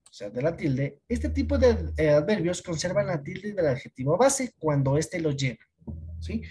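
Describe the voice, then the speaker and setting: A patient teacher walking students through an online lesson. The voice is mellow and a little husky, with a middle pitch. Points are often closed with a quick check that the class follows. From Ecuador. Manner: explains patiently, asks checking questions.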